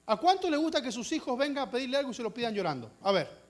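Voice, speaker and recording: A man's voice: very high voice, big pitch swings, very fast. A male pastor preaching a sermon with passion, asking the congregation questions and acting out voices. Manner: impassioned, acts out voices, rhetorical questions.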